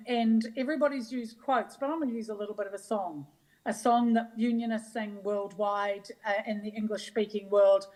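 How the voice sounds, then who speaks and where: A woman's voice: mid-range voice, a little mellow, rough recording. Rousing New Zealand woman at a rally. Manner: earnest, rousing, deliberate phrasing. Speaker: trade union leader, rally speaker. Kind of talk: political rally speech.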